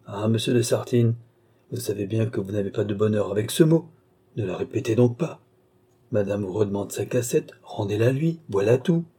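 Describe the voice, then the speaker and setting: A man voicing a cool, mocking count and sorcerer in an audiobook, calm and commanding. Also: lowish voice, moderate pace, breathy edge.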